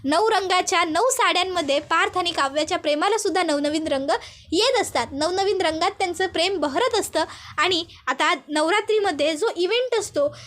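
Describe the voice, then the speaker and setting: A woman's voice: extremely high pitch, moderate pace, a bit bright. A woman narrating a recap of a TV serial episode, retelling it steadily.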